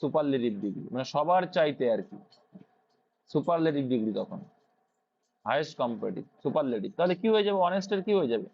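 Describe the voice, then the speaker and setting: A man's voice: on the high side, lively intonation, fast, gravelly. A man with a Bengali accent teaching English grammar as a tutor. He asks questions and then answers them himself. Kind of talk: explaining grammar to students. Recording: dull lo-fi sound.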